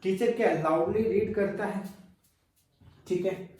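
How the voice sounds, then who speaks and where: A man's voice: sits high, unhurried, darkish tone, distant mic. A male teacher giving a recorded exam-prep lecture, explaining step by step and answering his own questions as he goes. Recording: very echoey room, voice from afar.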